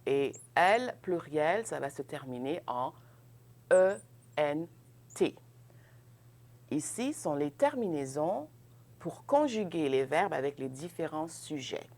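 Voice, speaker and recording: Slow, gravelly-voiced woman teaching French. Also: sits low, lively intonation, a little mellow. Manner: slow, patient, checks in with "n'est-ce pas" and "ok". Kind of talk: grammar lesson at a board, mixing French and English.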